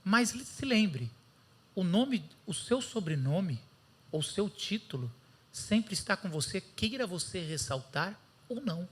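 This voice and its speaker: A Brazilian man with a Brazilian Portuguese accent preaching a sermon, telling stories with lively acted-out quotes. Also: high voice, takes it slowly, breathy edge. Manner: lively storytelling, acting out quoted voices.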